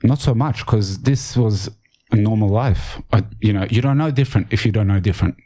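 A man from Bosnia recounts his background as a radio interview guest. His voice sits low with a soft, mellow tone. He speaks haltingly, often restarting and repeating words. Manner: halting, repeats words while searching for them. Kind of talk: personal life story in a radio interview.

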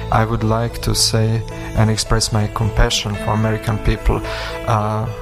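A low man with a Croatian accent speaks in a very flat, gravelly voice. He sounds solemn and monotone. Music plays clearly behind him.

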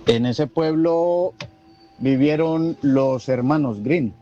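Calling a radio program, a man from Colombia talks casually with a Colombian Spanish accent. He sounds a little high, slow and mellow, and the call is dull and lo-fi with some noise behind it.

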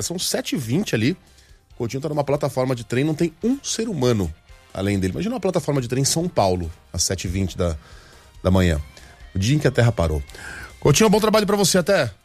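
A man's voice: a little high, very animated, fast, soft background music. A male news anchor chatting in a jokey, playful way. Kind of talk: casual studio banter.

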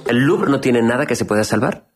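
A man's voice: mid-range voice, animated, fairly quick, loud music behind the voice. A man hosting a comedic chat, feeding his guest dry, probing questions. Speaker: host. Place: newsroom studio.

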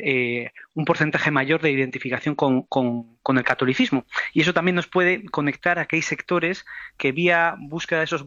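A sociologist from giving thoughtful, measured radio commentary with some hesitations, on a remote line. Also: male voice, on the high side, bright, forceful tone, dry recording, lo-fi sound. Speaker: sociologist guest.

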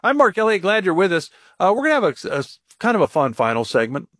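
A man hosting a radio talk show, asking his guest upbeat rapid questions and reading out a phone number. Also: high-pitched, wildly swooping pitch, fairly bright tone, no echo, clean studio sound.

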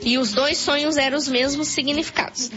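Woman from espirito santo hosting church kids radio, high voice, muffled, music behind. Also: fairly even intonation, fairly quick. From Espírito Santo, Brazil. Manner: exclaims praise often. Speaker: host.

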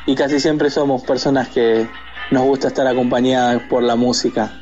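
A man's voice: mid-range voice, flat delivery, normal speed, highs cut off, over music. A man from Argentina with an Argentine accent, a guest talking casually in an interview, hesitant with many fillers and restarts. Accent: Argentine Spanish.

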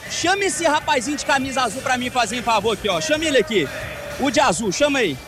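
A man with a Brazilian accent reporting live from a crowded outdoor bar area, hurried and upbeat. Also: extremely high pitch, expressive, over music. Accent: Brazilian Portuguese. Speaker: field reporter.

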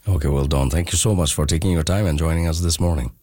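A man from Bangladesh hosting a radio show, asking brief, calm questions and reading news links. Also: a bass voice, quick pace, dry recording, studio quality. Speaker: radio host.

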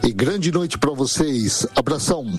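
A man's voice: medium pitch, lively intonation, measured pace, soft background music. A man sending a voice message to a radio show, greeting the hosts and giving a brief opinion. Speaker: listener calling in.

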